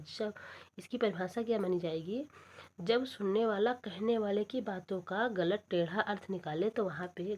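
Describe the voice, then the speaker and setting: A woman speaking teaches an exam prep lesson. She keeps asking a question and answering it herself. She slows down to recite lines of verse. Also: medium pitch, a little mellow.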